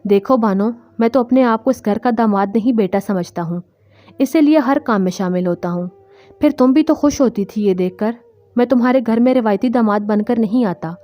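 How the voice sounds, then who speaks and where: A woman reading the part of a young husband who bristles easily and fires off sharp questions. the voice stays close to her own, fairly high and mellow, as she performs the lines in a spoken story. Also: no room sound, close to an everyday voice. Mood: pleading. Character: young husband, a man, easygoing and touchy.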